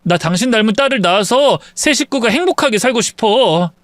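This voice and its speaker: A man's voice: high voice, lively intonation, a little fast, a bit bright, dry recording. A man voicing a deceitful young husband who stammers and pleads with excuses in a dry recording. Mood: pleading. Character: lying, groveling young husband caught cheating.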